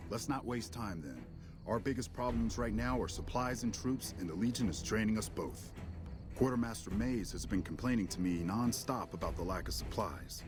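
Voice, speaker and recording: A man acting as a video game army commander with a slightly low voice. He is businesslike but burdened, a beleaguered officer giving orders, with music underneath. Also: lively intonation, normal speed, lightly acted. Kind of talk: video game character dialogue.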